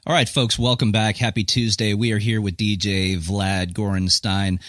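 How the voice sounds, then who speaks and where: Bright-voiced male podcast host. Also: on the low side, little pitch movement, moderate pace, soft background music. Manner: friendly questioning, some fillers. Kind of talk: casual interview hosting.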